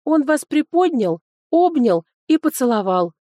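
A woman reading an audiobook, voicing a chattering young female servant who gossips in excited exclamations. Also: high-pitched, a little slow, no room sound, studio quality, voice pushed up.

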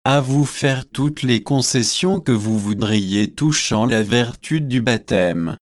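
A man reading the lines of a stiff young man who is easily shocked, in a slow, measured way. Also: mid-range voice, dry recording, clean studio sound, natural voice. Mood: indignant.

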